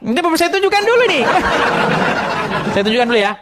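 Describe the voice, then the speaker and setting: A man's voice: very high-pitched, very animated, brisk. A man hosting a confrontational live-stream debate, mocking and laughing often as he challenges his viewers. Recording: loud crowd and heavy background noise.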